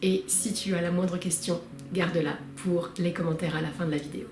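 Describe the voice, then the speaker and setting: A woman's voice: fairly low pitch, fairly even intonation, a little fast. A woman yoga teacher greeting her viewers in a casual, affectionate video intro. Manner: warm, affectionate address to viewers. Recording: echoey room with loud music.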